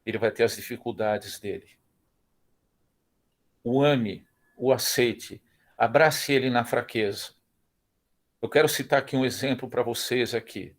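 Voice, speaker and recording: A man's voice: mid-range voice, unhurried, long pauses. A middle-aged man with a Brazilian Portuguese accent teaching a church Bible class, emphatic and repeating his phrases. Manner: emphatic, repeats phrases, acts out quoted dialogue.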